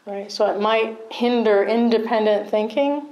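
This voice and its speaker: A woman's voice: on the high side, a little slow, a little mellow, poor audio. A middle-aged woman teaching meditation in a conversational dharma talk, often checking in with her listeners and laughing at herself.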